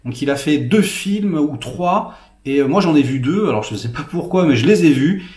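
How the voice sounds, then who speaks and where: A man's voice: a little high, animated, normal speed, a little mellow. A man hosting his channel, giving a casual spoken film review in a rambling, hesitant way full of fillers. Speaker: film critic, channel host. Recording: echoey room.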